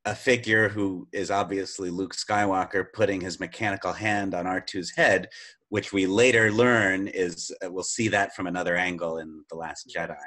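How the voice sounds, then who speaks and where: A man's voice: sits low, steady tone, normal speed, fairly bright tone. A man co-hosting a casual film-discussion podcast, steering the topics with a hesitant, filler-heavy delivery. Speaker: podcast co-host.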